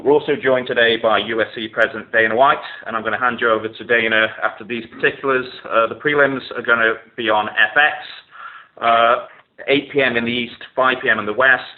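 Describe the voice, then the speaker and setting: A man's voice: medium pitch, steady tone, a little fast. A man moderating a media conference call, announcing event details. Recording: narrow telephone line.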